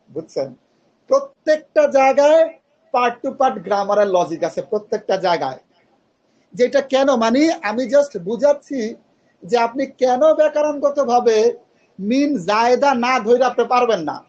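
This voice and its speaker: Male grammar teacher, high pitched, patient and questioning, muffled online-class sound. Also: darkish tone. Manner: patient, questioning students, mixes English terms.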